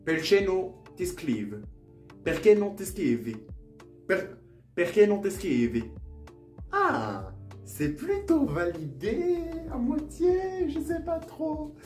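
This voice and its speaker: A young man's voice sits high and moves slowly in a sing-song way. Trying out language-app phrases for a casual vlog, he repeats them over and over and pokes fun at himself. The room is echoey, with faint music in the background.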